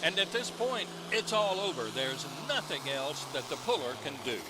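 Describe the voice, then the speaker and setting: A man's voice: high-pitched, very animated, normal speed, heavy background noise. A man hosting televised tractor pull coverage as an announcer, introducing pullers in a broadcast commentary style. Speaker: host and play-by-play announcer.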